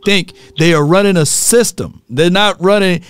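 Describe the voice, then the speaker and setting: A man's voice: high-pitched, moderate pace, clear, resonant tone, no echo. A man with a Mississippi accent hosting a sports call-in show, casual and teasing, laughing often.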